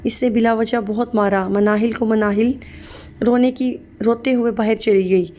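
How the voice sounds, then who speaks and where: A woman's voice: fairly high pitch, steady tone, dark tone, a little hiss or hum. A woman reading a sad story aloud as scripted narration, voicing every part in one plain voice.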